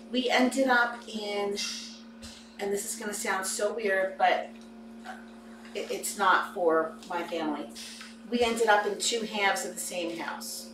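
Chatty woman in an echoey, noisy playroom. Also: mid-range voice. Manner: chatty storyteller, coos softly to the kittens. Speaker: host of a kitten rescue livestream. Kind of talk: casual chat and talking to kittens. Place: indoor cat playroom. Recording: roomy, distant mic, noisy background.

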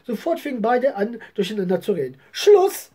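A woman reading a story aloud in an expressive way, now and then correcting herself. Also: medium pitch, a little slow, husky.

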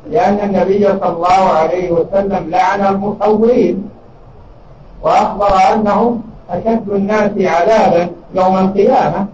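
An older man with a Saudi Arabian accent, giving a religious lesson and answering questions in a measured, emphatic way, heard in a large mosque hall on a distant, dull recording. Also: high-pitched, darkish tone, a little hiss or hum.

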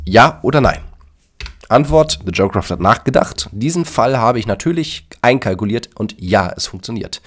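A man casually commenting on his Minecraft build and explaining it to his viewers. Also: mid-range voice. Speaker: YouTuber demonstrating a Minecraft build.

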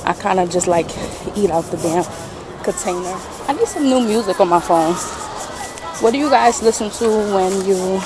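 A young woman vlogs in casual chat at normal speed and a mid-range voice, blunt and slangy with some swearing. She films on a handheld phone at arm's length, first on a city street outdoors, then inside a discount store.

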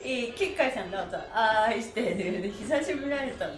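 Faint music plays behind this woman's slightly high, expressive voice as she quickly guides a live stretching class. She chants counts, talks with viewers, and laughs a lot in an encouraging, cheerful way, with echo and faint noise in the room.

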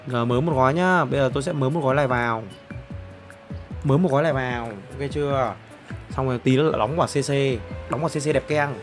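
Excitable male streamer. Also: a little high. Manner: excitable, exclamatory, jumps between shouting and muttering. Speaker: game streamer. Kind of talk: live-stream commentary while opening player packs.

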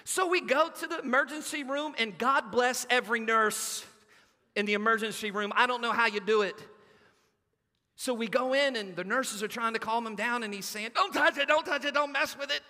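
A middle-aged pastor, preaching a sermon and telling a family story in an animated way. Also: male voice, very high voice, moderate pace. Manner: animated storytelling, acting out quotes. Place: church sanctuary. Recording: long church reverb.

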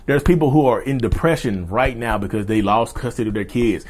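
A man's voice: mid-range voice, fairly quick, darkish tone, husky. A man in his thirties hosting a mental health channel, talking straight to camera in an emphatic, repetitive way and calling viewers y'all. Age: 30s. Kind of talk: direct-to-camera advice talk. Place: indoor studio with backdrop.

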